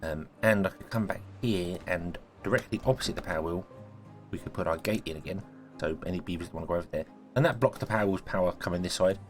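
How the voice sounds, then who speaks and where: A low-voiced gaming video host gives fast, casual let's-play commentary, thinking aloud, rambling and self-correcting. His voice is croaky and sneezy, and soft music plays behind him.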